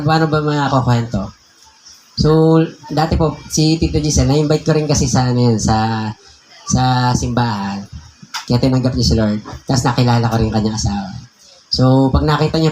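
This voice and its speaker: A man with a Filipino accent, a pastor telling a personal story in a conversational, animated sermon, often laughing. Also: on the high side, slight background noise. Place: church hall.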